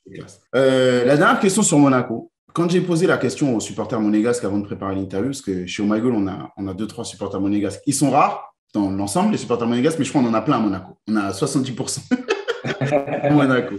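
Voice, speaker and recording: A man's voice: medium pitch, expressive, fast. A man hosting an interview, asking long, enthusiastic questions in a conversational style. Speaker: interview host. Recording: roomy, echoey room.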